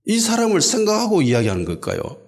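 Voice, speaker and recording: A man preaching a sermon as pastor, asking the congregation rhetorical questions and swinging between loud calls and quiet asides. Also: high-pitched, huge pitch swings, fast talker. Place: church sanctuary.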